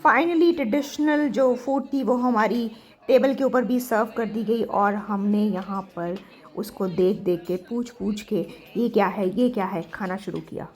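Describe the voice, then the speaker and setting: A woman's voice: on the high side, unhurried, darkish tone. A woman giving a casual voice-over for her travel vlog in a chatty, easygoing way. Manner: casual and chatty, sometimes forgetful. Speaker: travel vlogger.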